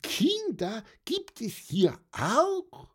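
A woman's voice: a little high, huge pitch swings, drawn-out words, full character voice. A woman voicing a cheerful, easygoing child chatting in a storybook reading.

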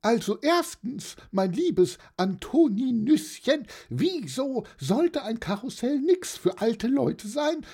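Tante Dorothee, squeaky old auntie. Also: creaky, husky, heavily acted. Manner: bubbly, high and excited, with hesitant "äh" fillers. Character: cheerful elderly aunt hosting a birthday party.

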